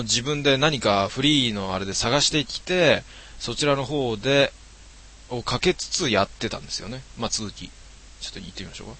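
A man streaming from home, chatting casually with lots of relaxed fillers. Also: medium pitch. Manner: relaxed, rambling talk with many fillers. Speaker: game streamer. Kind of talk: casual chat. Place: his home.

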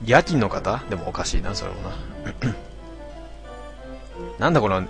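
A man hosting a casual late-night stream, reading out listener comments with grumbling asides and frequent throat clearing. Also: lowish voice, expressive, measured pace, music in the background. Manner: grumbling, talks to himself, mock-annoyed asides.

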